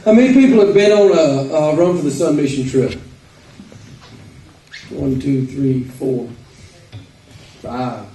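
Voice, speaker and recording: A man with an Arkansas accent giving an informal, folksy sermon with halting pauses. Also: medium pitch, warm tone. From Arkansas, United States. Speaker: preacher. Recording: roomy echo, distant microphone.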